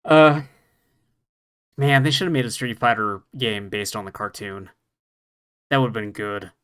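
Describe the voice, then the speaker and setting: A man's voice: lowish voice, steady tone, a little slow, fairly bright tone, smooth. A man co-hosting a podcast, chatting casually while playing a retro fighting game, joking about himself, laughing and swearing now and then. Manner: self-deprecating, laughs often, swears casually. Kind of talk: casual gameplay chat.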